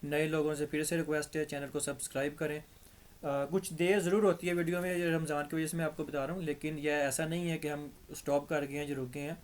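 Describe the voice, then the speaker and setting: Pakistani male tutor, slightly raised pitch, slow patient explaining, dryish throat. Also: flat delivery. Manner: patient, step-by-step explaining, repeats examples. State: dry throat. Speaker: English teacher. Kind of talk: grammar lesson.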